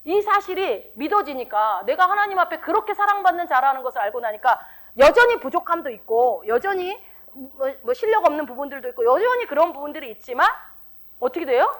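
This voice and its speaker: A woman's voice: sits high, sing-song, fairly quick, a bit bright. A middle-aged woman pastor giving a sermon in a conversational way, often putting questions to her congregation. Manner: conversational preaching with frequent rhetorical questions to the congregation.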